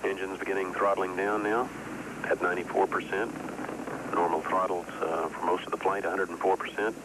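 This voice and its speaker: A man calls out launch status in flat, clipped phrases over a static-filled space mission radio feed. His voice is low and even. Steady hiss from the archival broadcast runs under every word. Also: a little fast. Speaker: launch commentator. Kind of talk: mission control launch commentary.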